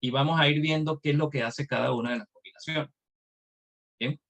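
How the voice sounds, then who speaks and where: A man's voice: on the high side, fairly even intonation, fairly quick, a bit bright. A male instructor teaching a live online class, explaining patiently step by step with examples.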